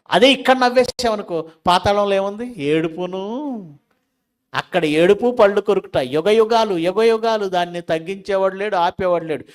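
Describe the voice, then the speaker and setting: A male pastor preaching a sermon, firing rhetorical questions at his listeners and swinging between loud emphatic lines and quiet asides. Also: fairly high pitch.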